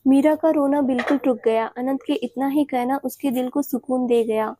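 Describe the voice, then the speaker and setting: A woman narrating a romantic audio story in a steady, even storytelling manner. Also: sits high, normal speed, no room sound.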